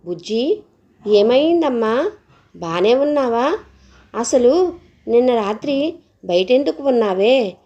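A woman's voice: fairly high pitch, expressive, takes it slowly, long pauses, mellow, muffled recording, voice pushed up. A woman voicing a worried village mother who anxiously scolds her daughter. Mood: scolding.

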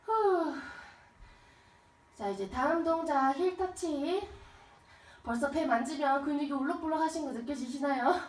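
A woman's voice: high-pitched, moderate pace, a little hiss or hum. A young woman coaching a home workout like a gym coach, counting out reps and cues with some exertion, heard from across a room. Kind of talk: exercise coaching with rep counting. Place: small carpeted home room, indoors. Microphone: camera a few metres away. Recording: roomy, echoing, distant camera microphone.

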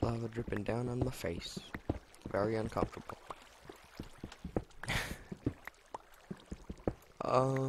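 A man's voice: fairly low pitch, noisy background. A young man casually commenting as he plays a game, chatty and prone to swearing and exclamations at what he finds. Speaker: let's play gamer.

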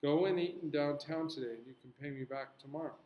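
A man's voice: on the high side, brisk, echoey room, muffled recording, lightly acted. A man voicing a prim young female schoolteacher who grows impatient with her pupils. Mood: coaxing.

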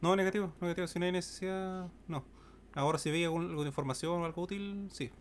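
A man's voice: high voice, steady tone, fast, soft background music. A man with a Chilean accent giving tactical orders as squad leader in casual online game chat.

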